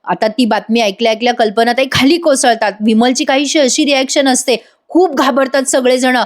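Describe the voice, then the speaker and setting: A woman giving a chatty voice-over review of a TV episode, talking excitedly to viewers. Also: high-pitched, a little fast. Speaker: TV serial reviewer.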